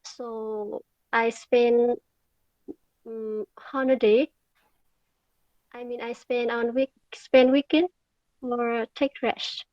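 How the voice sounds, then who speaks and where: A woman who is a beginner English learner, answering practice speaking questions and searching for words with long pauses. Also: on the high side, little pitch movement, darkish tone, no echo, highs cut off.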